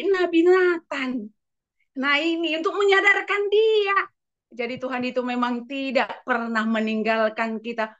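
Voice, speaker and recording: A woman preacher telling a story in a sermon, animated and full of exclamations, in a dull lo-fi recording. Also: high voice.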